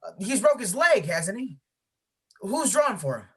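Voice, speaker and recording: Over a video call, an amateur actor in a one-act play voices the folksy, businesslike man who runs the village lottery, playing him hesitantly. His mid-range voice is very animated and a little breathy, and he takes his time.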